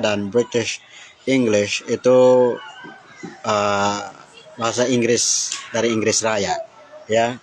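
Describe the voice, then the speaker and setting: A man's voice: medium pitch, a little hiss or hum, low-quality recording. A man teaching an informal English lesson, talking with frequent hesitations and switching into English phrases. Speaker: English tutor.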